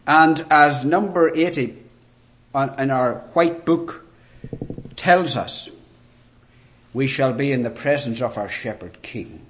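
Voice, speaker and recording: A man with a Northern Irish Ulster accent preaching a sermon in a deliberate, rhetorical way with emphatic phrases. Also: mid-range voice, fairly bright tone, a little hiss or hum. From rural Ireland, Ulster.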